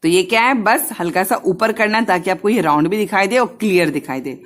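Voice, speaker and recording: Woman slowly drilling letters. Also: mid-range voice. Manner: slow, drawn-out syllables, repeating drills; addresses children directly, gently. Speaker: teacher. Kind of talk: children's Hindi lesson.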